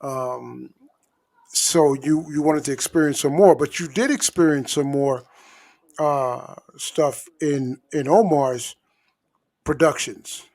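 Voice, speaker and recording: A man hosting a relaxed interview show, his voice sitting a little high. He backs his guest up often and builds his questions slowly, circling before he lands on them. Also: vocal fry. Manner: affirming, asks long wandering questions. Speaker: talk show host. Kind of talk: casual interview chat.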